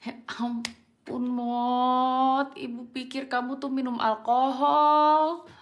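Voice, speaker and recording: A woman's voice: high voice, level tone, takes it slowly, dull audio. A woman playing a caring, exasperated mother of a teenage son in a naturalistic screen drama. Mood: concerned, teasing.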